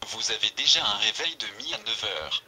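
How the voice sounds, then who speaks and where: A man's voice: on the low side, lively intonation, moderate pace, pushed and bright, breathy edge, exaggerated voice. Male TTS voice as a polite phone assistant. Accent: European French. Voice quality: synthesized, evenly paced. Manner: polite, formal phrasing.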